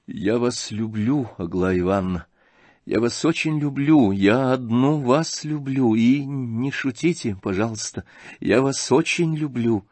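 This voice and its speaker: A man's voice: mid-range voice, lively intonation, a little mellow, no room sound. A man reading a shy earnest young prince. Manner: slow, hesitant, earnest.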